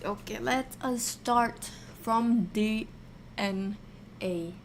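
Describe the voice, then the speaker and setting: A woman hosting a casual livestream science lesson, thinking aloud haltingly and repeating key terms as she chats with viewers. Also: on the high side, background noise. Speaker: science streamer, virtual avatar host.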